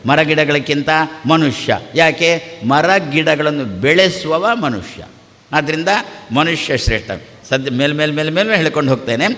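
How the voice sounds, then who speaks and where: Sermonizing man in a reverberant hall. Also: a bit bright. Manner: rhetorical questions answered himself, repetitive listing cadence; acts out quoted exchanges with shifting pitch. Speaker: religious teacher giving a discourse. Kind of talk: devotional sermon.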